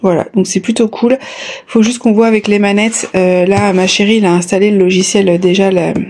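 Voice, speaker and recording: Unboxing something for her viewers, an adult woman who is a parent speaks softly and mellowly at a middle pitch, with fairly even intonation. Slightly breathless, she hesitates often, taking breathy pauses to find her words. A little hiss or hum sits under the recording.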